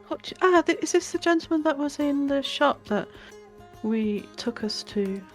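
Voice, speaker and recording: A woman plays in a tabletop game, speaking slowly in a somewhat high voice. Her manner is playful and often half-whispered. Faint music sits behind her. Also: animated. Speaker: player.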